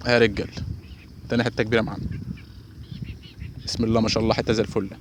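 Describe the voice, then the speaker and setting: A man with an Egyptian Arabic accent giving excited live commentary while fishing outdoors by a canal, talking to his viewers and calling out exclamations. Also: on the low side, very fast, noisy background. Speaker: fishing vlogger.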